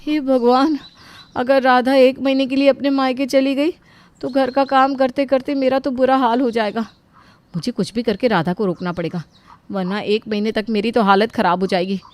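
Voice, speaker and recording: Woman voicing a scheming young wife in an audio story, sly and loud. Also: mid-range voice, brisk, no echo, lightly acted. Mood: panicked. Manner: sly, loud fake phone talk. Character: scheming older sister-in-law, young woman.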